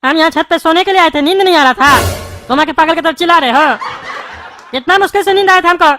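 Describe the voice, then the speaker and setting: A woman's voice: extremely high pitch, fast, bright, forceful tone, soft background music. A woman voicing a quarrelsome bald male politician in a cartoon, speaking in a scolding, name-calling manner. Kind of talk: cartoon dubbing.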